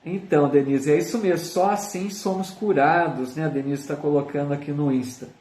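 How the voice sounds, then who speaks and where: A man with a Brazilian Portuguese accent leads a live online Spiritist study, teaching earnestly, often using tag questions and reading viewer comments aloud. His voice is a little high and a little mellow, with a steady tone and a fairly quick pace. The sound is roomy, and he is far from the mic.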